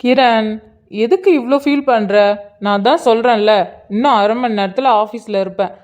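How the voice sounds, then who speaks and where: An easygoing young man in a cartoon, as a woman acts him out, with a fairly high voice. He brushes off worries in a breezy, reassuring way. Cartoon-style voice acting. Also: normal speed, natural voice.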